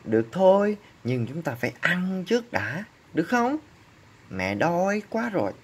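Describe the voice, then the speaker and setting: Woman as a caring mother kangaroo, lively, for toddlers. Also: lowish voice, moderate pace, slightly rough. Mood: gentle urging. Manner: coaxing, reading a storybook to a toddler.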